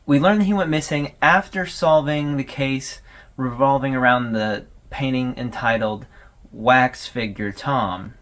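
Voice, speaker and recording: In a mid-range, slightly bright voice, a man speaks a little slowly while hosting a horror series analysis video. His commentary is relaxed and conversational, featuring hesitations and informal asides.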